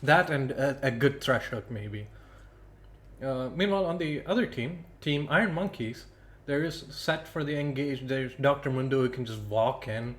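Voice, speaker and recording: A young man casting a student esports tournament alone on a stream, chatty and self-deprecating, thinking out loud between picks. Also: mid-range voice, normal speed. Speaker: esports caster. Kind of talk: solo livestream commentary.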